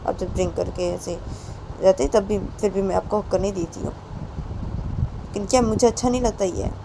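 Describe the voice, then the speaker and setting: A woman's voice: medium pitch, fairly even intonation, normal speed, vocal fry, noisy background, close to an everyday voice. A woman voicing a young woman who pleads emotionally with her partner, repeating herself with rising insistence. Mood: reproachful, then upset pleading.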